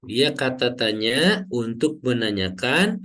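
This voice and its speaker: A man teaching Arabic grammar in an online class, explaining slowly and drawing out example words, often checking in with "ya". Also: mid-range voice, animated, a bit bright. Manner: slow, drawn-out teacher's explanation with frequent "ya" checks.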